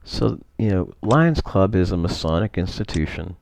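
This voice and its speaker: A man's voice: low-pitched, animated, normal speed, creaky, darkish tone. A man vlogging at home, talking through what is on his screen in a rambling way, full of fillers and self-corrections. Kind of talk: casual screen-share commentary.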